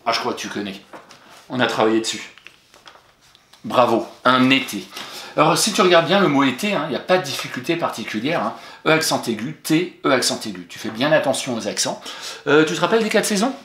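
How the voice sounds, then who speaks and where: A man's voice: mid-range voice, animated, brisk, a bit bright, a little hiss or hum. Patient man teaching spelling, roomy sound. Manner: patient and encouraging, spells out letters. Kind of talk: spelling lesson for a young pupil. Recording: roomy echo.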